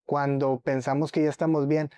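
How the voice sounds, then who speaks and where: Mellow, smooth-voiced male interviewer. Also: a little high, flat delivery, normal speed, no room sound. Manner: asks short reflective questions. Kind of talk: interview questions.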